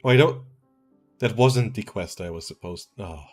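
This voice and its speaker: A man's voice: fairly low pitch, normal speed, faint music behind. A man in his twenties from Switzerland, chatting casually and rambling through a game stream, chuckling now and then. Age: 20s. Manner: rambling, laid-back, chuckles often. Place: at home.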